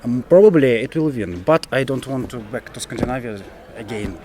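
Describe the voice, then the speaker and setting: A man on a panel giving blunt opinions in halting, simple phrases. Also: mid-range voice, expressive, background noise. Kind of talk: casual panel discussion.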